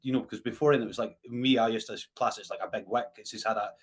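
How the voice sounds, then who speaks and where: Hesitant Scottish Highland man hosting a podcast. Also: fairly even intonation, racing, slightly rough. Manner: hesitant, frequent "eh" tags and repeated words. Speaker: podcast host. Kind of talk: casual interview chat.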